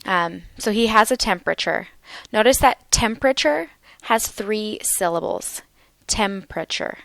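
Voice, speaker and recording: A woman teaching English vocabulary, speaking slowly and carefully and repeating words for learners. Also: medium pitch, expressive, gravelly, fairly bright tone, no echo. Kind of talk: slow, clear vocabulary lesson.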